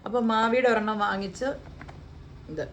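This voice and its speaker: A woman's voice: medium pitch, moderate pace, highs cut off, slight background noise. A woman with a Malayali accent chatting casually through a shopping haul, playful and joking about how to pronounce brand names. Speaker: vlogger. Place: home, living in the UAE.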